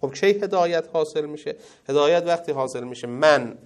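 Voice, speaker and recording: With a fairly high pitch, a man gives a religious ethics lecture to seminary students. He quotes Arabic sayings and explains them, punctuating with loud stresses and soft asides.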